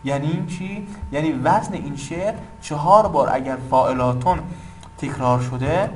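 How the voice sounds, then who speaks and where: A man's voice: a little high, a little hiss or hum, low-quality recording. Man teaching poetic meter, chanting rhythms. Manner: explains patiently, chants meter feet rhythmically. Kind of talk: informal recorded lesson.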